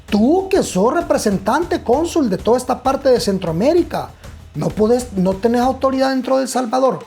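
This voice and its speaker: A man's voice: very high voice, animated, normal speed, gravelly, mellow, soft background music, voice pushed up, exaggerated voice. A man voicing a pushy, meddling middle-aged woman who keeps pressing with concerned questions. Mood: insistent. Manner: insistent, questioning.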